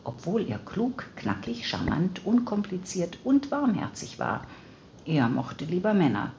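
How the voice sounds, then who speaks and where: A woman narrating an audiobook in an even, measured reading voice, on slightly dull audio. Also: lowish voice, a little hiss or hum. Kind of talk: scripted narration.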